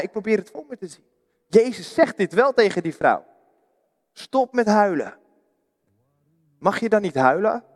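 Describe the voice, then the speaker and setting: Earnest man preaching in a long-echoing hall. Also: on the high side. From Netherlands. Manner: earnest, asks questions and answers them himself. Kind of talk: sermon. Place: church.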